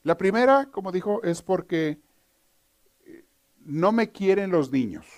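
High, whiny man-child, as a preacher puts him on, childish complaints. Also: animated, a little slow, vocal fry, darkish tone, dry recording, heavily acted. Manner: whining, childish. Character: whiny grown son acting like a schoolboy.

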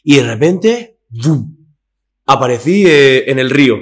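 A man's voice: medium pitch, expressive, takes it slowly. A young man from Spain, a podcast guest telling stories in casual chat, full of fillers and acted quotes.

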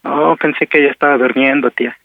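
A man's voice: mid-range voice, fairly even intonation, brisk, gravelly, no room sound, narrow, tinny audio. A Mexican man in his thirties chatting casually on a call, with a somewhat hesitant delivery. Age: 30s. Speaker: prank caller. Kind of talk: casual phone chat. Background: faint background music.

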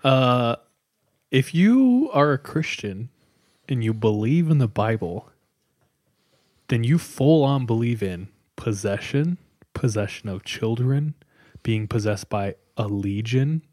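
A man's voice: mid-range voice, animated, a little mellow, no echo. Co-host: man with an average voice, chatty and casual, dry recording. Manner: chatty, quick reactions. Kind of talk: casual chat.

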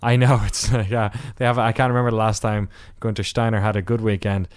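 A man's voice: fairly low pitch, level tone, fast, dry recording, clean studio sound. A man hosting a podcast, giving a casual race recap with wry asides, rambling through many fillers and restarts. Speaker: podcast host.

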